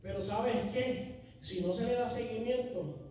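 A man preaching a sermon testimony in a church, swinging from loud exhortation to hushed storytelling. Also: high voice, measured pace, a little hiss or hum. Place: church sanctuary. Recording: echoey hall, distant mic.

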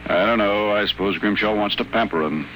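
An actor playing a guarded, secretive addict patient, confiding in low, careful tones, in 1940s radio acting style. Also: male voice, brisk, sharp tone, a little hiss or hum, rough recording.

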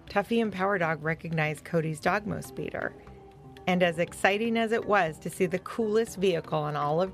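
A woman narrating a children's adventure story in a gentle, expressive reading style. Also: on the low side, gravelly.

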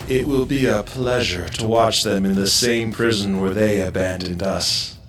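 A man's voice: on the low side, measured pace, a crowd in the background, lightly acted. A man voicing a distrustful, vengeful many-headed giant whose heads speak at once with an echoing chorus. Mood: grim. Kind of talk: audio drama acting. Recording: music playing underneath.

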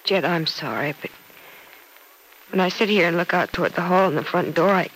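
An actress playing a grieving young woman who speaks in a sorrowful, earnest, measured way, in 1940s radio acting style. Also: on the low side, a bit bright, slight background noise, close to an everyday voice, low-quality recording.

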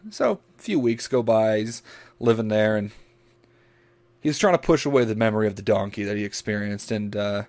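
A man's voice: on the low side, normal speed, darkish tone. A man co-hosting a podcast in casual chat, telling crude, profane jokes. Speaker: podcast co-host.

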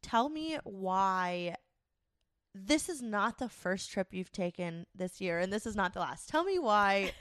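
A woman's voice: medium pitch, lively intonation, unhurried, fairly bright tone, smooth, no echo, studio quality. A young adult woman co-hosting a podcast, chatting casually, swearing and laughing often. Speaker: podcast co-host. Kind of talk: casual chat.

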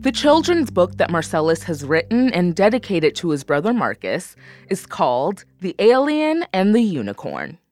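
A woman's voice: lowish voice, huge pitch swings, moderate pace, darkish tone, faint music behind. A woman hosting a podcast, delivering scripted narration in a friendly storytelling manner. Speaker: podcast host.

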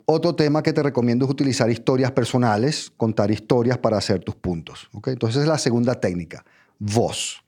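A man giving a public speaking lesson, talking straight to the listener in numbered steps and checking in with a quick "ok?". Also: mid-range voice, warm tone. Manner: direct, addresses listener as tú, numbered steps, frequent "¿ok?". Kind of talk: instructional talk.

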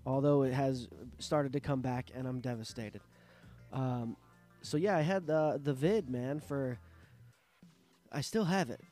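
A man's voice: mid-range voice, unhurried, long pauses, dark tone, soft background music. A man hosting his own podcast, sick with a sore throat and a nasal voice, rambling and swearing in a casual monologue. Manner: rambling, profane, self-interrupting. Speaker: podcast host. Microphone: studio microphone.

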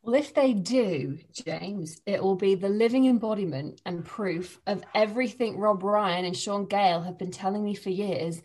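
An English woman, a sports presenter, chatting casually on a podcast from home with quick laughs. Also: on the low side, a little mellow, breathy edge. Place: living room at home.

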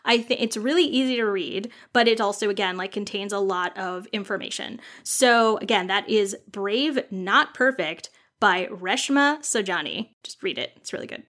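A young woman co-hosting a casual podcast, talking through a book she loved in an animated way, full of "like" and acted-out quotes. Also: normal speed, hardly any pauses. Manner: animated, lots of "like", acts out quotes with high lively pitch. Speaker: podcast co-host. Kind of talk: casual book-recommendation chat.

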